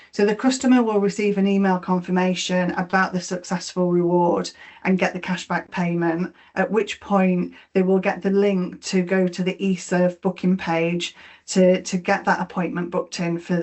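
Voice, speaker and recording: A middle-aged Yorkshire woman with a lowish, slightly mellow voice presents a webinar on mortgage rewards. She explains each slide, often using fillers and repeating words.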